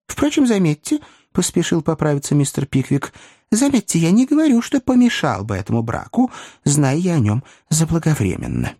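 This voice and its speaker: A man voicing a mild, kindly older gentleman in a story reading, earnest, polite and formal. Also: fairly high pitch, no room sound, clean studio sound, exaggerated voice.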